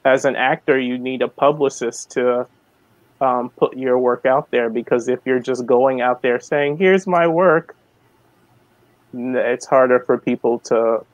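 A man of forty from the American South, a guest artist talking slowly and hesitantly on a video call, with many ums. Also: mid-range voice, fairly even intonation, no echo, low-quality recording. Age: 40s. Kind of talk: casual video-call interview.

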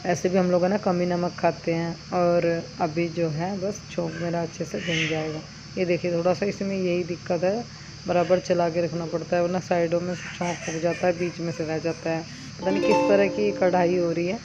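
A village vlogger chats in a homely way while walking through her cooking step by step in her home kitchen. Her voice is lowish and fairly flat in pitch, at a normal speed. The lo-fi recording sounds dull, with outdoor noise and insects and crickets in the background.

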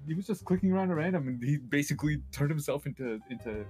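A man's voice: fairly high pitch, lively intonation, quick pace, darkish tone, soft background music. A young man chatting casually as co-host of a game stream. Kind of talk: casual gaming chat.

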